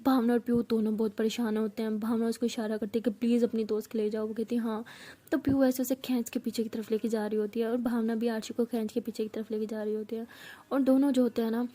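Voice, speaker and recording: Woman narrating a story casually, kinda high voice, chatty, throws in english words. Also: flat delivery, fast talker, dark tone.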